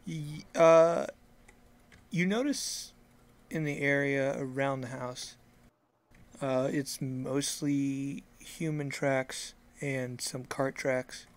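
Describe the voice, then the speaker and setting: Game master of unclear gender, unhurried, describing scenes to players in a middle register. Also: mid-range voice. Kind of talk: narrating a tabletop game.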